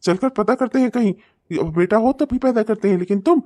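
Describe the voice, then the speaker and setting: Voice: medium pitch, fairly quick, lightly acted. A voice actor doing a snarling, abusive cartoon husband. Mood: bitter. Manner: shouting insults, snarling and threatening. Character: abusive, short-tempered husband and father. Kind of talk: cartoon comedy voice acting.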